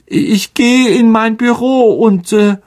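In an audiobook, a man voices a vain, cowardly male teacher at an extremely high pitch, well above his own natural voice. The delivery is slow, steady in tone, and a little mellow, with flustered stammering throughout.

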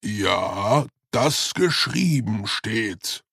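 A man playing a slow, gentle giant yeti. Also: fairly low pitch, lively intonation, gravelly, breathy edge, dry recording, clean studio sound, pitched below the performer's own voice, full character voice. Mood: ponderous. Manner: slow, odd word order.

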